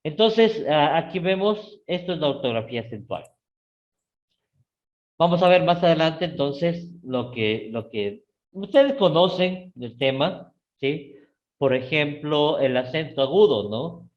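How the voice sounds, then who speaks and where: A middle-aged man with an Ecuadorian Spanish accent teaching a live class, often checking in with his students and rising sharply in pitch on key words. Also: lo-fi sound. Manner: repeats "¿sí?" and "¿no es cierto?" to check on students; lively, with sudden rises in pitch.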